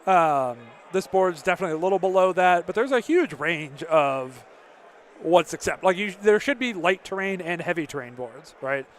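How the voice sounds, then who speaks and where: A man's voice: high-pitched, lively intonation, normal speed, a bit bright, slight background noise. A man casually commentating a tournament live stream, answering chat questions with frequent fillers and sounding slightly worn in the voice. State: slightly losing his voice.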